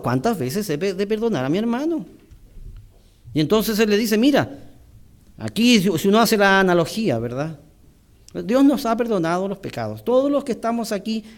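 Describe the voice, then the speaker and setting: Male preacher, high voice, church sermon, reads scripture, then explains slowly with pauses. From Chile.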